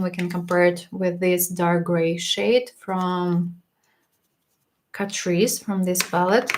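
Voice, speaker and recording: Reviewing makeup casually on her livestream, a talkative woman speaks frankly, laughing softly and restarting now and then. Her medium-pitched voice is a little worn because she's slightly losing it, and there's a noisy background.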